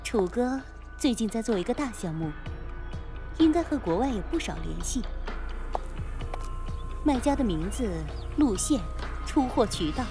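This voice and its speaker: In Chinese radio drama acting, an actress with a fairly high voice plays a cold, scheming gang insider who has turned betrayer. Calculating in mood, she taunts with cool condescension and a sneering edge.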